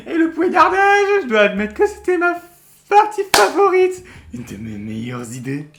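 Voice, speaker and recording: A man's voice: extremely high pitch, wildly swooping pitch, slow, long pauses, a bit bright, heavily acted. A streamer acting out a sneering, sadistic male prison gang boss with a mocking, theatrical delivery. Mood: gloating.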